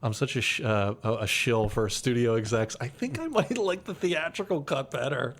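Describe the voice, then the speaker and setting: A man co-hosting a podcast, chatting casually and animatedly about movies, quick to joke and react. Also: mid-range voice, expressive. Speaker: podcast co-host. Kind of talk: casual film discussion.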